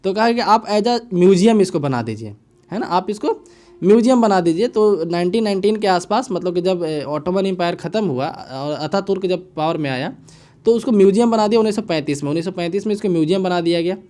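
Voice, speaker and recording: A man's voice: high voice, animated, a little mellow. A man teaching current affairs, explaining news stories casually and often checking in with his listeners. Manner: casual, repetitive, frequent "है ना" and "ठीक है" checks; mixes English phrases into Hindi, reads headlines haltingly. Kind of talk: explaining news analysis to students.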